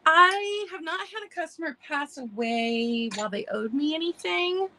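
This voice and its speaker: This American woman's high, pushed, bright voice carries lively intonation at a moderate pace as she hosts a casual online vintage sale, greeting viewers by name and describing items. Allergies make her a little hoarse, so she clears her throat now and then. The recording is rough.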